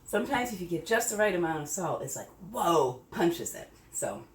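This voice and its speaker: Speaking briskly with big swings in pitch, this middle-aged woman's fairly low voice fills her home kitchen as she hosts her own cooking channel. She chats and rambles, corrects herself, and tastes the food along the way. The audio has a little hiss or hum, echoes off the kitchen, and picks her up from afar.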